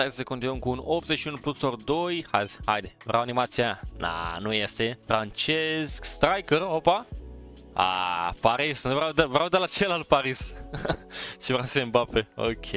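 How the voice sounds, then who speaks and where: Male gamer, mid-pitched, chatty and impatient, faint game music underneath. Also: bright, forceful tone. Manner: eager, urging, sprinkles English exclamations. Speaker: gaming streamer opening packs. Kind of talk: casual pack-opening commentary.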